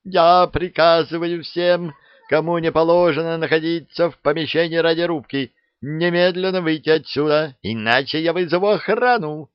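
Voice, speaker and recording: A squeaky, flustered young lieutenant, as a male reader puts him on, pitched high and shrill as he insists on clearing the room. The storybook audio is dull and dry. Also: steady tone, normal speed, dry recording, natural voice. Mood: shrill insistent. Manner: insistent, barking orders.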